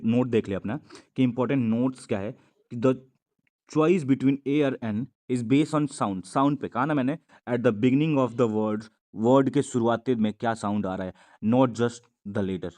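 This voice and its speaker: A man's voice: mid-range voice, a little mellow. A man teaching English grammar, patiently asking and answering his own questions as he explains. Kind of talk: grammar lesson in Hindi.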